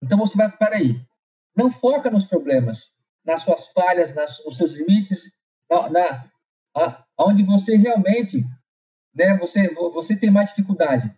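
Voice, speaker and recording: Middle-aged paulista man, high voice, motivational speaker, casual repetitive delivery, lo-fi recording. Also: animated, measured pace. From São Paulo, Brazil. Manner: conversational, repeats phrases and tags with "né". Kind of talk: motivational talk with personal anecdote. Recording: slightly dull lo-fi recording.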